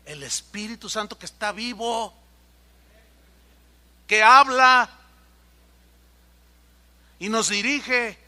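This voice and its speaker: Man, pastor, sermon, high voice, very bright and forceful. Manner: animated storytelling, acting out quoted voices.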